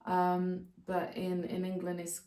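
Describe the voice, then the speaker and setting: A woman, calmly explaining practical steps in a casual vlog, often pausing to think. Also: fairly low pitch, distant mic. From Slovakia. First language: Slovak. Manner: practical, step-by-step explaining with frequent hesitations. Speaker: co-host of a channel about moving abroad. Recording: roomy sound, voice off-mic.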